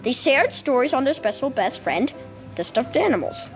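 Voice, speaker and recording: Animated woman telling a story. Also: sits high, normal speed, faint music behind. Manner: animated, acts out quotes. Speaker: host. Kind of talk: storytelling chat.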